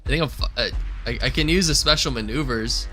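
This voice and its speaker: A man's voice: mid-range voice, quick pace, sharp tone, faint music behind. A young man streaming a space strategy game, thinking aloud and mocking his own mistakes with frequent exclamations. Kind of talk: casual gameplay commentary.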